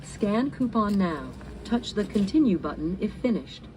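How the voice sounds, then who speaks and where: Female automated checkout announcer on a kiosk speaker, polite prompts, lively sing-song lift over loud store music. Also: mid-range voice, a little slow, poor audio. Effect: self-checkout kiosk speaker.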